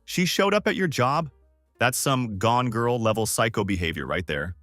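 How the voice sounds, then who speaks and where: A man's voice: mid-range voice, lively intonation, normal speed, fairly bright tone, no room sound, clean studio sound, faint music behind, close to an everyday voice. A man voicing a cynical, divorced male friend who jokes sarcastically about women and marriage. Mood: mocking. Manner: sarcastic, mocking.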